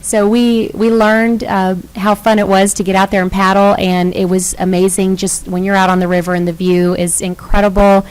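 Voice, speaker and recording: A middle-aged woman runs a council meeting with gracious, measured phrasing and a welcoming tone. Her voice sits at an ordinary middle pitch, and she speaks at a steady, deliberate pace. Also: clean tone, rough recording. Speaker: meeting chair, mayor. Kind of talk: formal meeting chairing. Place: city council chamber.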